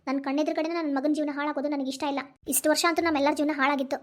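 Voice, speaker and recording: A woman's voice: high-pitched, steady tone, very fast, lightly acted. A woman voicing a tearful, protective mother in a cartoon, with a North Karnataka Kannada accent. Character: grieving mother reunited with her son. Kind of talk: cartoon voice acting.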